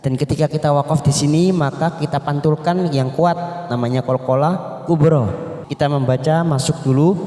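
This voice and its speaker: A man's voice: fairly high pitch, steady tone, normal speed, mellow. A man teaching Quran reading, over-enunciating each syllable as he explains and demonstrates melodic recitation. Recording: echoey room with long reverb.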